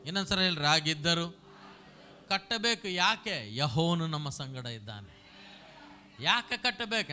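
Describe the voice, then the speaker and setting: Bright-voiced pastor leading call-and-response. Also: male voice, sits high. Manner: animated, repeats phrases and has the congregation repeat them.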